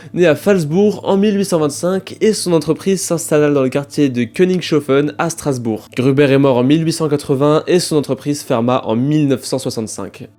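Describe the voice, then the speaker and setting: A man delivering a scripted voice-over for his exploration video, brisk and wry. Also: fairly high pitch, dark tone. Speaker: video creator.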